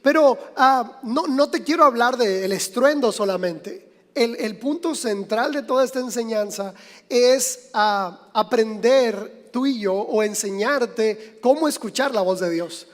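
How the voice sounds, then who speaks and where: A man's voice: very high voice, unhurried. A man with a Mexican accent preaching a sermon as pastor, in a conversational way that speaks straight to the listeners. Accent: Mexican Spanish. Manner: conversational, addresses listeners directly. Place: church sanctuary. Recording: long church reverb.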